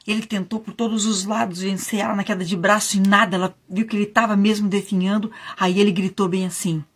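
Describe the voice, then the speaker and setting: A woman storyteller telling a folk tale in a lively, animated way. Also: medium pitch, fast talker, slightly rough.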